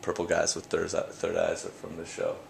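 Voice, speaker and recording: Interviewed at his exhibit, a young man from Canada speaks about his art in a low, gravelly, unhurried voice, loose and rambling, pausing on fillers and starting phrases over. He's recorded up close on a handheld camera in an echoey gallery, a faint ambient hum behind him.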